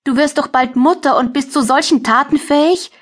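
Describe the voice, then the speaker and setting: A woman's voice: sits high, normal speed, pitched above the performer's own voice, close to an everyday voice. A woman voicing a weak, frightened young woman held captive, pleading in a trembling voice, in an audiobook. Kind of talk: audiobook character voice.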